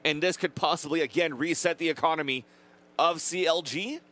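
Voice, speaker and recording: French-accented male esports commentator, fairly high voice. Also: normal speed. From France. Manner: builds to excited rising calls at key plays. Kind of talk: live video game match commentary.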